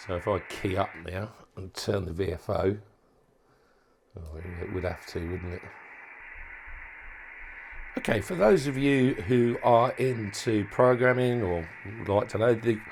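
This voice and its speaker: A hobbyist presenter demonstrates his modified radio gear in an informal, hands-on way, musing aloud hesitantly and often trailing off. His fairly low voice has vocal fry and a measured pace with frequent pauses, and a little hiss or hum sits under the recording.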